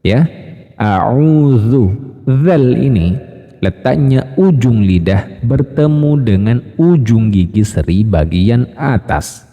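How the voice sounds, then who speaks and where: A man teaching Quran recitation rules, patiently explaining step by step and slowly drilling each sound, addressing listeners as friends. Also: medium pitch, lively intonation, big-room sound, lo-fi sound. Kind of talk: tajwid lesson with spoken demonstrations.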